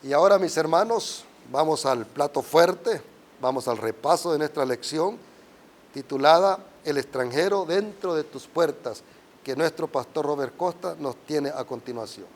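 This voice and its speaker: A man's voice: fairly high pitch, moderate pace. A man who hosts the program, introducing the next segment. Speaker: program host. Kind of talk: broadcast introduction.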